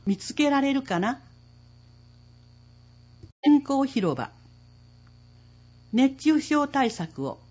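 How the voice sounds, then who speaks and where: A woman announcer reading municipal public service notices in a measured way, slowing down for phone numbers. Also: high voice, sing-song, a little mellow, dull audio.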